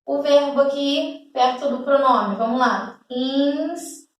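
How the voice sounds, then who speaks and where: A woman's voice: high voice, measured pace, distant mic. A woman teacher, explaining a grammar rule step by step to schoolchildren and often checking that they follow. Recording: echoey room, away from the mic.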